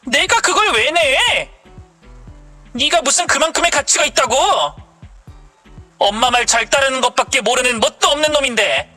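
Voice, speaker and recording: A woman's voice: high voice, sharp tone, pitched above the performer's own voice, exaggerated voice. A woman voicing an angry young wife who scolds her husband and mother-in-law sharply.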